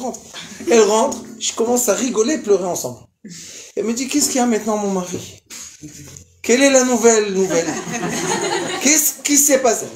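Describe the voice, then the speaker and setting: A rabbi in his fifties or older, speaking in a very high-pitched voice, tells a story to a live lecture-hall audience. He's animated, acting out the dialogue and laughing as he goes. The recording is echoey with faint noise.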